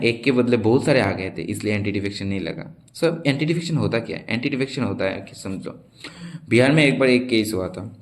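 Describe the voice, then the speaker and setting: A young man teaching a political science exam-prep lesson, stretching out each quiz question as he reads it and then explaining quickly, often checking that his students follow. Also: on the low side. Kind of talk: exam-prep lesson in mixed Hindi and English.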